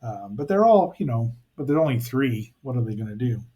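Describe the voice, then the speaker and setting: A man's voice: medium pitch, very animated, a little fast, mellow, husky. A man hosting a podcast, giving a casual recap and commentary with wry, hesitant asides. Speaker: podcast host.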